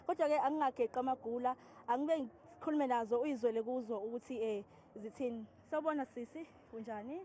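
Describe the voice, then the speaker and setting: A woman with a Zulu accent reporting live and interviewing as a field news reporter, often pausing on fillers. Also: fairly high pitch, dark tone, slight background noise.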